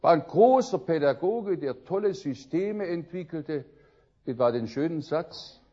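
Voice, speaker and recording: An older man preaching a sermon, telling stories with lively swings between loud outbursts and quiet musing. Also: a little high, measured pace, muffled recording.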